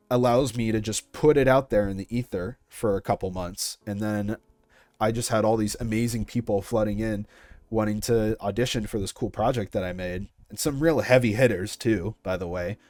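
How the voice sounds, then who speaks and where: A young man in his twenties discusses his audio project in an easygoing interview, musing as he answers. The voice is lowish and darkish at a moderate pace, captured in a dry recording.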